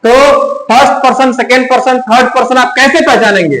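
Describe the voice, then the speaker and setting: A man's voice: extremely high pitch, fairly quick. A man teaching a grammar lesson to a class, asking questions and repeating the students' answers, switching between Hindi and English terms. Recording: echoey classroom, faint room noise.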